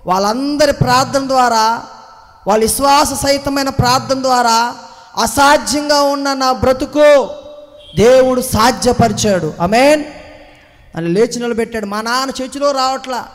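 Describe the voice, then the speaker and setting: A man giving a passionate testimony sermon to a congregation, moving between hushed recollection and loud exclamations and calling out for claps and amens. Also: very high voice, moderate pace. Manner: calls the congregation to clap and say amen. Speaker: preacher giving a personal testimony. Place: church hall. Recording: echoey church hall.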